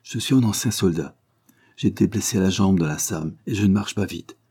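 A man voicing a cunning male detective who pretends to be naive and then presses with quiet urgency. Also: deep voice, fairly quick, husky. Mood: feigned naive.

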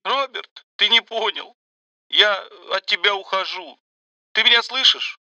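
Brief: man doing high squeaky young woman, teary and cutting, dry close mic. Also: measured pace, no room sound, muffled recording, exaggerated voice. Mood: tearful. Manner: sobbing, high and squeaky, turning sharp. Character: young woman Sveta, tearful then angry. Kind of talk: audiobook narration with voiced dialogue.

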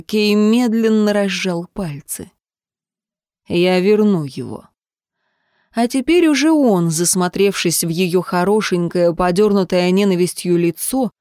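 A woman's voice: mid-range voice, a little mellow, no echo. Woman reading with drama, dry sound. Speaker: narrator. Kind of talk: audiobook narration of a romance novel.

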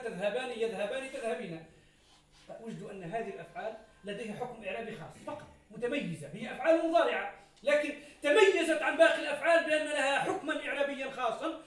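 Fast-talking male grammar teacher, echoey room. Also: high-pitched. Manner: explains with many examples and questions to students. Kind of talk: classroom lecture. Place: classroom. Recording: roomy echo, from far off.

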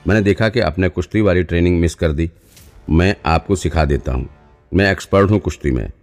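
A man's voice: sits low, brisk, darkish tone, soft background music. A man doing a cocky young cop.

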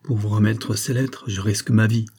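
A man's voice: on the low side, steady tone, normal speed, gravelly, a little mellow, husky. A man voicing a greedy, blunt national guardsman who haggles hard, in an audiobook reading. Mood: haggling.

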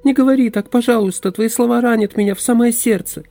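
Audiobook: male reader plays a desperate young forest woman, high and breathless. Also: fast, mellow, no echo, natural voice. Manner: pleading, breathless, intense.

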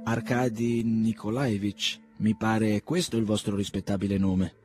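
A man's voice: on the low side, level tone, a little slow, over music, close to an everyday voice. A man voicing an elderly country doctor and father who is humble, fussy and eager to please. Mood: fussing. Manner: apologetic, eager to please, ceremonious.

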